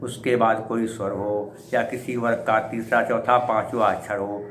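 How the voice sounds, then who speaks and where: A man lectures on a Sanskrit verse, keeping an unhurried pace. He poses rhetorical questions and answers each one himself. The sound is roomy and echoey, with a faint background hiss. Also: fairly low pitch, little pitch movement, a bit bright. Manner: chants verse slowly, then explains in quick bursts with rhetorical questions. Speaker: Sanskrit teacher. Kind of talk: classroom lecture explaining verse line by line.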